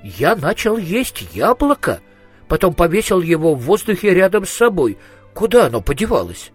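A man's voice: high-pitched, big pitch swings, moderate pace, breathy edge, faint music behind, pitched above the performer's own voice, heavily acted. A man voicing an absent-minded male genius inventor who muses thoughtfully and trails off with hums. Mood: distracted.

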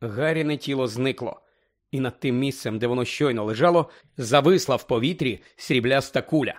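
A man narrating a fantasy audiobook in an expressive, dramatic reading style. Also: mid-range voice, brisk. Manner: dramatic, shifting tone with the story.

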